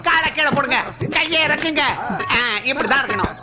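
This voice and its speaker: A woman's voice: high-pitched, lively intonation, a little fast, over loud music. An actress dubbing a mischievous young woman who chatters in a playful, teasing way. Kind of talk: Tamil film dub. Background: film score.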